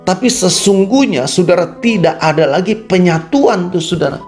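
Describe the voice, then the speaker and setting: A man with an Indonesian accent preaching a radio sermon. He talks straight to his listeners and swings between low quiet asides and raised, emphatic peaks. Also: animated, normal speed, faint music behind. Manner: addresses listeners as "Saudara" constantly. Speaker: pastor. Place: radio studio.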